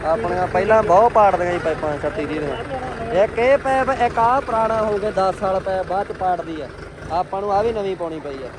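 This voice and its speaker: Male vlog host, slightly high voice, informal and chummy, recorded outdoors with some engine noise. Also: brisk. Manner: informal, chummy address to viewers and friends. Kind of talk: casual vlog commentary. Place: outdoors at a farm machinery fair.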